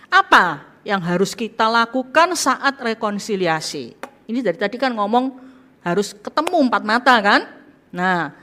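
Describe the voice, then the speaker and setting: A woman pastor preaching a sermon in a casual, conversational way, often acting out quoted speech. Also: fairly low pitch. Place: church hall. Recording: long hall reverb.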